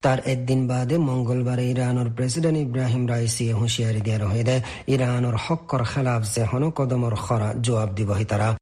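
A man's voice: medium pitch, fairly even intonation, fairly quick, mellow. A man with a Rohingya accent reading scripted news as a presenter in an AM and shortwave radio announcer style.

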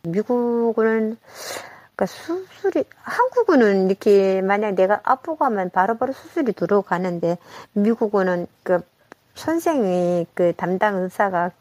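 A woman from North Korea with a North Korean accent, telling her own story in a casual interview in a halting, unpolished, colloquial way. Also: mid-range voice, a little mellow, no room sound.

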